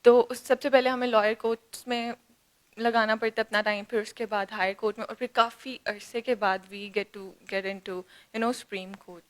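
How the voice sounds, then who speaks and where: A woman's voice: fairly high pitch, steady tone, normal speed. A young woman lawyer, earnestly raising a complaint as a question. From Pakistan.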